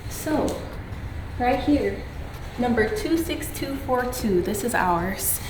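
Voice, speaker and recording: A young woman with a slightly high, expressive, somewhat mellow voice speaks slowly in a casual vlog. Her bubbly, playful chatter is full of laughs, though a cold leaves her a bit stuffy. There's slight background noise and music in the roomy recording, which goes from her living room to a post office.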